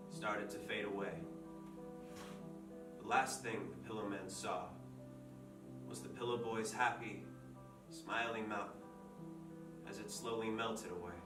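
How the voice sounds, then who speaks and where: A man playing a grim, measured teller of dark tales. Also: lowish voice, steady tone. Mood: somber storytelling. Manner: measured, dark, deliberate storytelling. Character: grim storyteller telling a dark fairy tale. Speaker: actor playing Katurian. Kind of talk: stage play storytelling. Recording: echoey stage from far off, with music.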